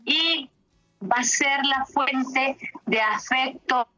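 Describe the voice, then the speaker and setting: A woman therapist telling stories from her practice in an interview, reflective and pausing with fillers. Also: high-pitched, sharp tone, lo-fi sound, soft background music.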